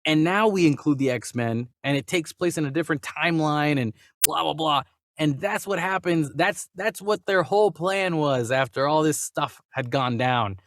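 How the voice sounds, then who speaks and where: With a voice on the high side and a little bright, a movie news show host speaks at a moderate pace with no room sound. He opines casually but with emphasis, frequently repeating phrases to build up his case.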